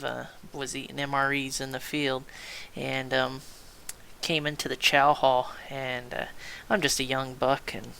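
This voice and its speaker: A man with a gravelly, creaky voice tells a story on a casual gaming podcast. He is animated and lively, and he bursts into loud acted-out quotes. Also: medium pitch. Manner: animated, acts out loud shouted quotes in stories. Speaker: podcast co-host.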